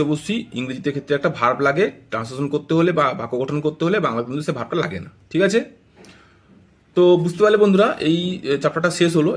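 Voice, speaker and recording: A man teaching English grammar in a video lesson, often checking in with viewers and spelling words letter by letter. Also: fairly high pitch. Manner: repeats "ঠিক আছে" and addresses viewers as friends.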